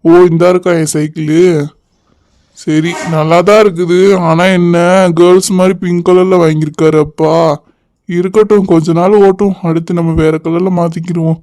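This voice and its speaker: A fairly high, cheeky schoolboy voice, as a man puts it on for a doll storybook. He teases and mocks in a singsong way. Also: level tone, normal speed, a little mellow, close to an everyday voice. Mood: teasing. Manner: teasing, singsong. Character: cheeky schoolboy, teasing his sister. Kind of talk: storybook doll-play acting.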